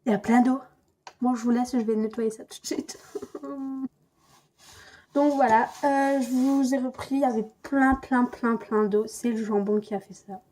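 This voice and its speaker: A woman's voice: on the high side, steady tone, normal speed, warm tone. A young woman giving a playful, chatty home cooking demonstration in her kitchen, talking to the viewer and to herself. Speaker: cooking vlogger. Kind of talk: casual home cooking demo. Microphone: camera mic propped on a stand.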